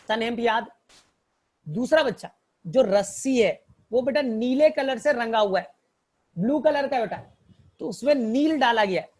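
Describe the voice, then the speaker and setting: A man's voice: extremely high pitch, a little mellow. A male teacher tells a story to help students remember plant examples, fondly calling them "child" and checking often that they follow. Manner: fond, addresses students as child; repetitive, checks understanding. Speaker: biology teacher. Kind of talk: mnemonic storytelling lesson.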